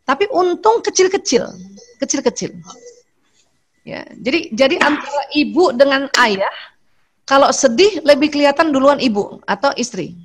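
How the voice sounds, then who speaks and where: A middle-aged woman with an Indonesian accent and a fairly high voice gives a talk on marriage to a women's study group. She speaks in an animated way and acts out short exchanges between spouses. Her delivery stays lively throughout. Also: normal speed.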